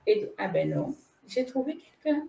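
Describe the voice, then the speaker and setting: A woman tells a personal story in a loose, chatty way, looping back on her own phrases. Her pitch leaps up and down with lots of movement. The recording has a roomy echo. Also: moderate pace. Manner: animated, repeats phrases, laughs while telling. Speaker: spiritual medium guest. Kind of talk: casual storytelling chat.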